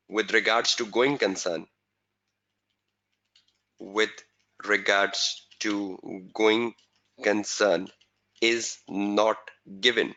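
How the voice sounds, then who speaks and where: A man teaching an exam webinar, repeating key phrases slowly for emphasis and answering viewers' chat questions by name. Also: fairly low pitch, sharp tone, highs cut off. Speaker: exam tutor.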